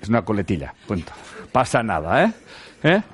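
Animated Spanish man giving a spiritual talk. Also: on the low side, normal speed, slight background noise. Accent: Spain. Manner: animated, rhetorical questions, earthy slang, calls listeners sweethearts. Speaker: spiritual teacher. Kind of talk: casual spiritual talk to a group.

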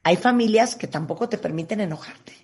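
Woman host, husky mid-pitched voice, conversational interviewer. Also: brisk, darkish tone. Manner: conversational, poses questions to the guest.

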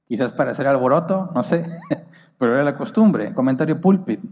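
A man's voice: mid-range voice, long reverb tail, dull audio. A man preaching a Bible teaching sermon who explains passages, reads commentaries aloud and asks his listeners rhetorical questions.

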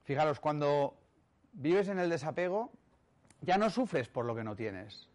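A man's voice: on the high side, lively intonation, unhurried, a little mellow. A man from giving a motivational talk, emphatic and rhetorical, often checking in with the audience. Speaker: speaker on personal growth.

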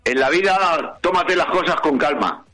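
A middle-aged man with a bright, fairly high voice tells jokes in a slow, relaxed way. He laughs at his own punchlines and puts on different voices for the people in his jokes. Faint music plays in the background. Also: poor audio. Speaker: joke teller. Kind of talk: casual joke-telling while drinking.

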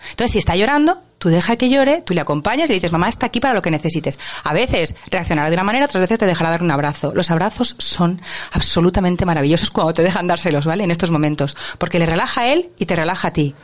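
A woman's voice: on the low side, animated, fast. A woman, an author and workshop leader, explaining parenting ideas emphatically in a conversation. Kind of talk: interview conversation.

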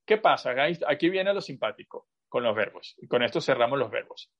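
A man's voice: mid-range voice, animated, muffled recording. A man teaching a language class over a video call, explaining patiently with examples, asides and many fillers. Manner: drawn-out, repetitive phrasing with many fillers.

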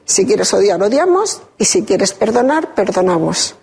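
A woman giving an interview, telling a deeply personal story in a measured, reflective way with hesitant restarts. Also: big pitch swings, creaky, a little mellow, husky. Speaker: interview guest. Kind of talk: emotional personal testimony.

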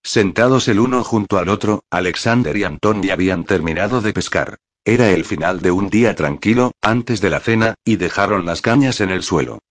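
A man narrating a novel as an audiobook, reading in a calm, measured way on a close mic. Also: deep voice. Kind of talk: scripted narration.

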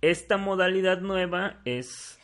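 A man's voice: high-pitched, takes it slowly, a bit bright. Hesitant man co-hosting a podcast. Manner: hesitant, many fillers and restarts. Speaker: podcast co-host. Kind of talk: casual podcast chat.

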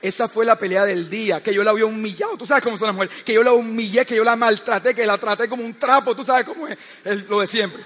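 A male preacher with a very high voice delivers a sermon through a personal story, stumbling over repeated words as he goes. He keeps turning to the congregation with quick questions. His voice rings out with a long, echoing hall reverb. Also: fairly even intonation, fairly bright tone. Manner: storytelling, often asks the listeners "¿sabes qué?"; frequent stammered restarts.

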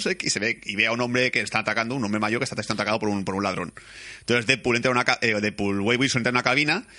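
A man from Spain with a Spain Spanish accent, excitedly reviewing a film in casual chat, swearing and acting out scenes. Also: mid-range voice. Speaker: podcast co-host.

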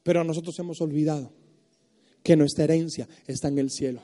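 A man preaching a sermon as pastor of a church, passionate, mimicking complainers and building to shouts. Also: a little high, steady tone, fairly quick. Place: church service.

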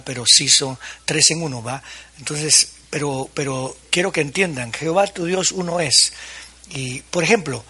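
A man delivers a sermon as a pastor, his voice bright and forceful with a husky grain. He sits a touch higher than the typical male voice, and he turns to his listeners with direct questions and plays out remembered conversations. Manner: preaching to pastors, with questions and acted-out quotes.

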